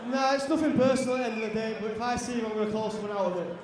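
A man's voice: high-pitched, fairly even intonation, racing. Young man on an echoey PA. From Yorkshire, England. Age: young adult. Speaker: MMA fighter. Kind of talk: casual post-fight interview. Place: large indoor cage-fight venue. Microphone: handheld. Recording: echoey hall PA, distant, noisy crowd.

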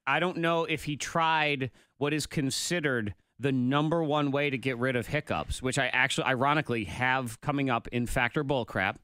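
A man's voice: medium pitch, normal speed, hardly any pauses, bright, forceful tone, clean tone, no echo. A man in his thirties hosting a morning radio show from a studio, talking in a wry, playful way into a studio mic. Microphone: studio microphone with headphones.

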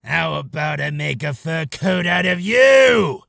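A man's voice: on the high side, lively intonation, takes it slowly, vocal fry, fairly bright tone, no room sound, raised voice, clean studio sound, heavily acted. A man voicing a cocky, aggressive raccoon space soldier who barks brash taunts for a voice reel. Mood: brash, taunting. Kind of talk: character voice reel.

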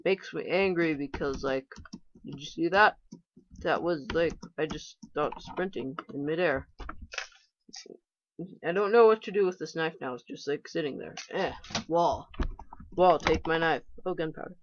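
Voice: mid-range voice, a little slow, long pauses, lo-fi sound, slight background noise. A gamer giving casual let's-play commentary, chatty and talking to themselves with playful frustration. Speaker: gameplay commentator.

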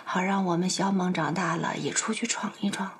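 An actress with a Northeastern Mandarin accent playing a determined village mother, firm with her husband and gentle with her son. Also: lowish voice, fairly even intonation, fairly quick, natural voice. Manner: firm, gently coaxing, with sharp digs. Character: determined village mother leaving to work in the city.

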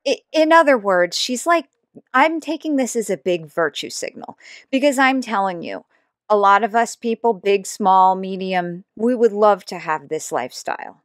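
A woman's voice: mid-range voice, animated, moderate pace, no echo, studio quality. A woman hosting a reaction commentary video, talking casually and making sarcastic, mocking asides. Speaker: YouTube commentator.

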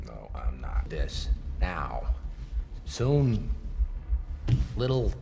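An actor playing a scarred, unhinged criminal clown in a film, his speech erratic, drawling, and breaking into sudden shouts and whispers. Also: a bass voice, very animated, drawn-out words, vocal fry, noisy background, full character voice. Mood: menacing. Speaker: villain. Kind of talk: film acting. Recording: film dialogue with score behind. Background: film score music.

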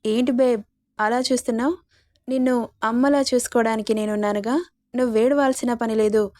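A woman's voice: fairly high pitch, fairly even intonation, a little fast, dark tone, lightly acted. A woman reading a teasing young lover. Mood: coaxing. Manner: coaxing, playful.

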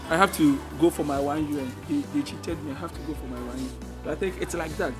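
A young man strolls through a big indoor supermarket, talking to viewers in a chatty vlog. He is recorded on a handheld phone as he walks. Loud music plays behind his voice throughout. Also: on the high side, steady tone, quick pace. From Ghana. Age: young adult. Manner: chatty, addresses viewers directly, frequent restarts. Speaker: vlogger. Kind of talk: casual vlog walkthrough. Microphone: handheld phone camera, walking.

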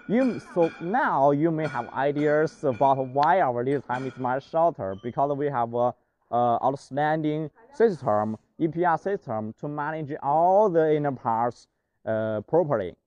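Guiding visitors through a big indoor factory warehouse, this young non-native English speaker talks in a fairly high, slightly mellow voice. His walking presentation is halting, packed with "uh" fillers and false starts, and there's a little background noise.

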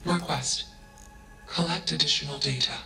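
Juno, a flat emotionless ship AI. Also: male voice, fairly high pitch, moderate pace, gravelly. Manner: clipped, monotone, labels each statement. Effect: synthetic, echoing machine voice. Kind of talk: video game dialogue. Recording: echoey room with game music.

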